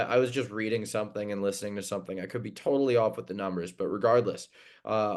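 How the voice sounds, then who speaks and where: A young man co-hosting a casual sports podcast, animated and joking as he rambles through hockey news. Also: on the low side. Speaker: podcast co-host.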